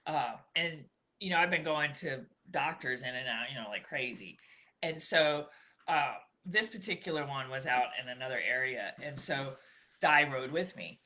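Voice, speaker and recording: A woman co-hosting a casual morning chat show, telling stories in an animated way and chiming in often. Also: extremely low pitch, moderate pace. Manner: animated storyteller, chimes in often.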